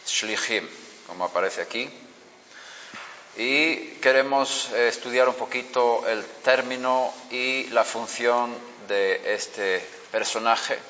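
A man gives a Bible lesson at a very unhurried pace, setting each word apart. His voice rings in a hall with a long reverb. The recording is dull and lo-fi, with a faint hiss behind it. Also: medium pitch, bright, forceful tone. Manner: deliberate, explains word by word with frequent pauses. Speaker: Bible teacher.

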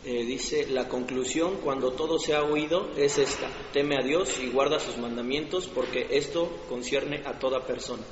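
A man's voice: medium pitch, normal speed, few pauses, a little hiss or hum. A man, a student in a religious class, reading a translated passage aloud. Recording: dull recording from across an echoey hall.

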